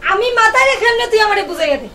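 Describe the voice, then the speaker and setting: A woman with a Sylheti accent playing a fiery wife in a comedy skit, scolding and shooing her husband with sharp retorts. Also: very high-pitched, lively intonation, rapid-fire, full character voice. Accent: Sylheti Bengali. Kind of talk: comedy short film acting.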